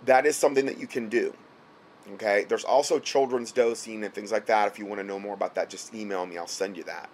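A man who sells health products gives casual advice late at night, his lowish voice steady, quick and fading as he loses it. He repeats words often and keeps asking "okay?" to check in with the listener. The recording is rough with slight background noise.

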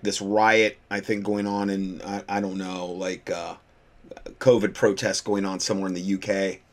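A man with an American accent hosting a show of informal political commentary, talking in a loose, halting, off-the-cuff way. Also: on the low side.

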